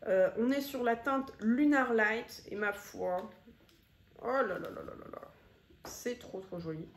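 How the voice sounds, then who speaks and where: A woman's voice: fairly high pitch, unhurried, a little hiss or hum. Chatty woman reviewing makeup, echoey room. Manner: chatty, repeats words for emphasis, many fillers. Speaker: beauty vlogger. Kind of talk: casual product review chat. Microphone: phone camera.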